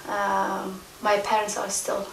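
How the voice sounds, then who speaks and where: A woman's voice: medium pitch, monotone, slow pace, creaky. A woman in her forties from Afghanistan speaks as an interview guest, feeling for her words with frequent ums and restarts. She is picked up from some distance in a large, echoing room. A faint hiss runs under her voice. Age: 40s. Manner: hesitant, searching for words with many fillers. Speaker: interview guest, trainee documentary filmmaker. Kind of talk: casual interview chat.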